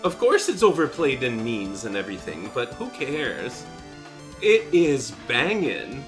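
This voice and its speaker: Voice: medium pitch, sing-song, unhurried. A streamer in their thirties chatting casually and playfully with friends during a live game stream. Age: 30s. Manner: bubbly, playful, giggly asides. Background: music.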